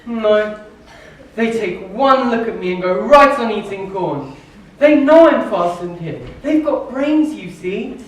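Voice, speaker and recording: A woman's voice: medium pitch, animated, takes it slowly. A woman playing a naive, friendly straw scarecrow in a stage play, innocent and puzzled. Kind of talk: theatrical stage play acting. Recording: very echoey hall, distant mic, faint noise.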